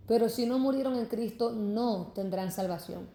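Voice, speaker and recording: Cuban-born young woman, fervent preacher's testimony, mellow voice in an echoey room. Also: on the high side, moderate pace. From Cuba. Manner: fervent, addresses listeners as brothers.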